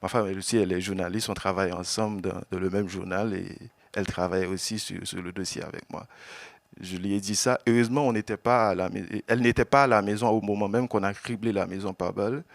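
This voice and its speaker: A man from Haiti, an exiled journalist giving an earnest personal testimony to an audience, often halting and repeating words. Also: sits low, fairly even intonation, gravelly, no room sound. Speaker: exiled journalist speaking at an event.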